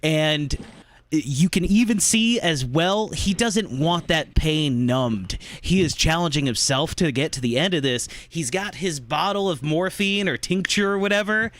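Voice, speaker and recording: A man's voice: on the high side, a little slow. A man co-hosting a casual movie discussion, animatedly acting out scenes as he retells them. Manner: animated, acts out scenes in voices. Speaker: podcast co-host.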